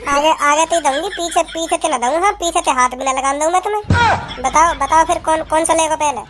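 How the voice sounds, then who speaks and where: A woman voicing a brash, sharp-tongued young village woman with cheeky retorts in a comic cartoon dub. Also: sits high, fairly quick, loud music behind the voice, natural voice.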